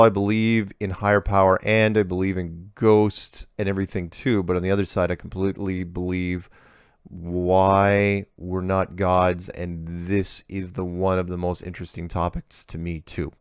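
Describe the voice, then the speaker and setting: A man's voice: low-pitched, creaky, smooth, no echo, studio quality. A middle-aged man hosting a show, reading viewer emails aloud and commenting on them in an easygoing, offhand way.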